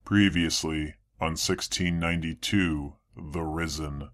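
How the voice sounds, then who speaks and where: Creepy radio-drama announcer, very deep and drawn out, over loud music. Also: male voice, fairly even intonation. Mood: ominous. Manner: slow, looming delivery. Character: creepy male show announcer lurking in the dark.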